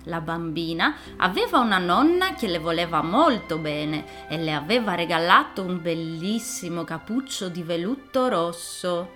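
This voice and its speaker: A woman narrating a fairy tale in a scripted, playful storybook style. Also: on the low side. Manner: animated, playful telling.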